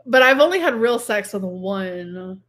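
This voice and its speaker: A woman's voice: medium pitch, lively intonation, a little slow, a bit bright. A drunk woman in her thirties chatting casually on a livestream, rambling and confessional. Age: 30s.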